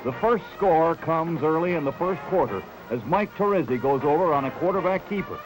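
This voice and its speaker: A man reads a 1970s newsreel in a crisp, upbeat announcer style. His voice sits a little high for a man. A music bed plays clearly beneath him. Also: expressive, moderate pace, rough recording. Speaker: newsreel narrator.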